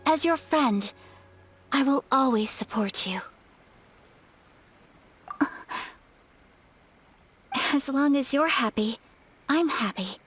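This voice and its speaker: A woman playing a gentle, earnest young noblewoman in an English game dub, speaking softly and politely. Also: sits high, expressive, slightly rough, full character voice. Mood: tender, earnest. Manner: soft, polite, sincere, measured.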